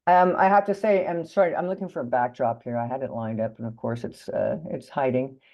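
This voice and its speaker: A woman hosts an interview, sounding somewhat tired. Her voice sits low for a woman. She talks in a chatty, scattered way, full of fillers and small apologies. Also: a little fast, a little mellow, lo-fi sound. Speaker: interviewer host. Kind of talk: casual interview talk.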